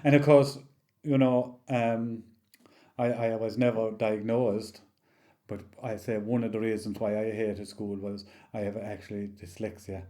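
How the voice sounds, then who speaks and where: A man in his sixties with a rural County Limerick Irish accent, telling anecdotes in a halting, rambling, casual way. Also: lowish voice, little pitch movement, warm tone. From County Limerick, Ireland. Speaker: interview guest, local storyteller. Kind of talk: oral history reminiscence, casual storytelling.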